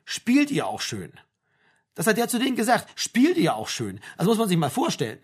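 A woman's voice: medium pitch, huge pitch swings, moderate pace, breathy edge, pitched above the performer's own voice. A man voicing a stern, indignant middle-aged mother who scolds her family in an audiobook. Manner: indignant, sharp, nagging.

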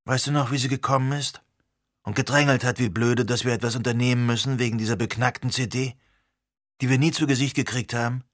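A man's voice: mid-range voice, fairly even intonation, fairly quick, a bit bright, no echo, clean studio sound, lightly acted. A man reading the part of an anxious, easily annoyed man who organizes an event and worries about everything that could go wrong. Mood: indignant.

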